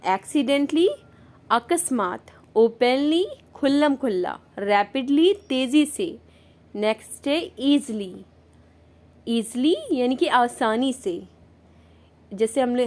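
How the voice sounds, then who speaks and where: A woman teaching English vocabulary in Hindi with an Indian accent, patiently repeating each word and its meaning. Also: a little high. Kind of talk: slow vocabulary lesson with repetition.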